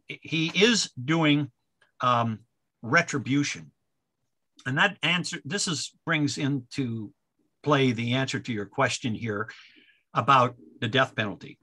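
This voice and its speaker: Bright-voiced older man explaining views. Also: medium pitch. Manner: measured, explanatory, frequent throat clearing. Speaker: author guest. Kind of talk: conversational interview answer.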